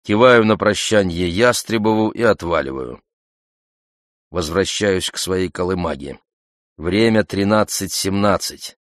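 A man's voice: deep voice, expressive, measured pace, dry recording, clean studio sound. A man narrating an audiobook in the first person, with a terse, clipped delivery.

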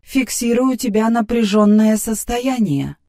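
A man's voice: extremely high pitch, animated, unhurried, warm tone, voice pushed up, exaggerated voice. A man voicing a sarcastic female AI who lives in a man's head, speaking in a raised, cool voice in an audiobook. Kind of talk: audiobook character voice.

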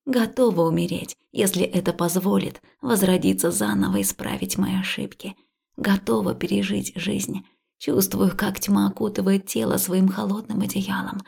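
Husky, whispery woman narrating an audiobook. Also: medium pitch, moderate pace, darkish tone. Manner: intimate, often breathy and whispered, emotional. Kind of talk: first-person scripted narration.

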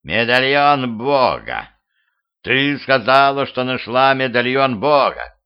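A man voicing a cold, menacing skeletal beast with a wolf's face, speaking in a slow growl on a muffled lo-fi home recording. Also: mid-range voice, animated, clean tone.

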